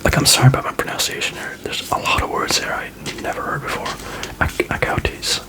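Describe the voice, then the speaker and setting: A man reading aloud in a breathy ASMR whisper, with casual asides. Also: fairly quick.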